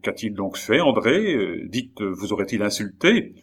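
A man's voice: fairly low pitch, very animated, unhurried, breathy edge, heavily acted. A man reading an audiobook, voicing a cheerful, good-natured young army captain who speaks frankly and kindly. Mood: friendly. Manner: warm-hearted, frank. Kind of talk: audiobook character voice.

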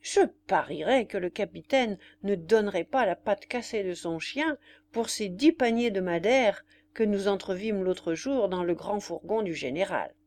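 Woman doing a brash young lieutenant, loud and a touch low. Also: very animated, measured pace. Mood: teasing. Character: boastful young male lieutenant.

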